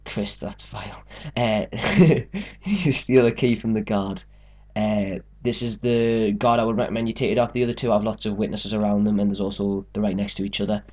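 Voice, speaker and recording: A man's voice: fairly low pitch, fairly even intonation, normal speed, darkish tone. A young man casually talking through a game walkthrough, explaining steps and joking around. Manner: chatty, joking, explains step by step. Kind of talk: casual gameplay commentary.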